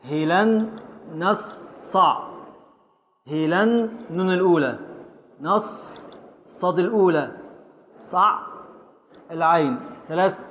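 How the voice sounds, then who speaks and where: An Egyptian man with a fairly high voice leads a class on poetic meter. He calls on students and sounds out syllables slowly. Faint room noise sits under the recording. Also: expressive, fairly bright tone. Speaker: teacher. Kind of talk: Arabic prosody class.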